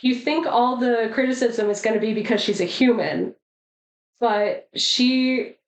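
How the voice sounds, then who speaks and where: A woman with a somewhat high voice, speaking a little slowly, co-hosts a podcast in an echoey room. She talks about a movie in a relaxed way, sprinkling in fillers and brief acted-out lines.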